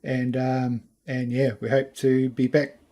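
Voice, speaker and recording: A man with a New Zealand accent hosting casually, talking in a halting, unscripted way. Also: medium pitch, completely flat delivery, warm tone. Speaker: race series host. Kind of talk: casual unscripted thank-you talk.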